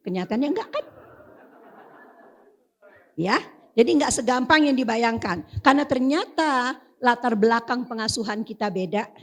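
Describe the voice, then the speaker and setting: An older woman speaking as a parenting expert at a seminar, chatty and lively, often addressing the audience directly. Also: a little high. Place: seminar hall.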